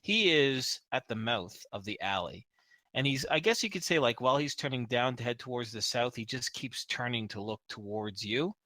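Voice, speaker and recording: A man narrates a tabletop role-playing game as its game master. His voice is bright and forceful at a middle pitch, explaining things conversationally, and it sounds close and dry. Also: expressive, normal speed, dry recording.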